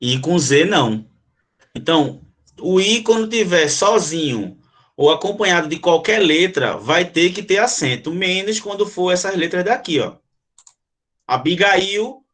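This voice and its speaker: A Brazilian man with a Brazilian Portuguese accent teaches an online grammar lesson, explaining step by step and asking the class questions. His voice is on the high side and a bit bright.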